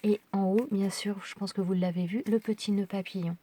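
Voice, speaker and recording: A middle-aged woman chats through her craft mail in a casual home vlog. Her voice is husky and sits at a middling pitch. She hesitates often and drops into soft whispers now and then. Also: steady tone, fairly quick, dry recording. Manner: chatty, hesitant with fillers and small whispered asides. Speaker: craft vlogger. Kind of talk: casual unboxing chat.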